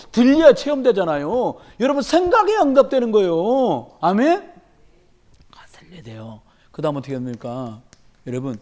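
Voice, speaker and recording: A man, a pastor, preaching a sermon in church at a midweek service, talking emphatically and telling stories with humor. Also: high voice. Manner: animated, emphatic, storytelling with humor.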